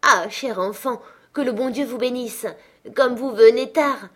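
A woman's voice: a little high, a little slow, voice pushed up. A woman reading a storybook voices a tender, fussing mother of a poor family. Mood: fond. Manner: warm, fussing.

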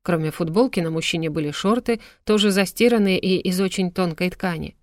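A woman narrating an audiobook story with steady storytelling. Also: on the low side, brisk, dry recording, clean studio sound. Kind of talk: scripted narration.

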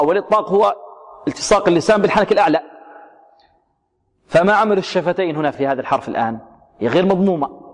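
A man teaching the rules of Quran recitation, asking questions and answering them himself, with slow, drawn-out recited examples. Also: a little high, in a large hall. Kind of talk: tajwid lesson with recited examples. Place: radio broadcast studio.

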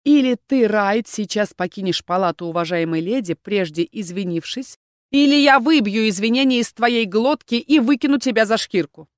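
A woman voicing a haughty young dark elf warrior, low and quiet, in an audiobook. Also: lively intonation, normal speed, no room sound, studio quality, natural voice. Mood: cold threatening. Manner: cold and firm, then soft and gallant. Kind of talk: audiobook narration.

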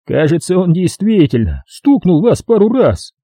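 A sarcastic, condescending cop, as the narrator puts him on, raised well above his usual pitch with a husky, dark tone. He mocks and lectures, leaping up and down in pitch. Dry, close recording. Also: big pitch swings, normal speed, dry recording, full character voice. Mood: mocking. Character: mocking, stern male police detective.

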